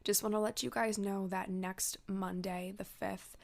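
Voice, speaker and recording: Female American podcast host, casual and chatty, stuffed-up nose, noticeable vocal fry. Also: mid-range voice, little pitch movement, unhurried. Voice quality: congested, stuffy-nosed. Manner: informal, chatty, addresses listeners as "you guys". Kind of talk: casual solo podcast talk to listeners.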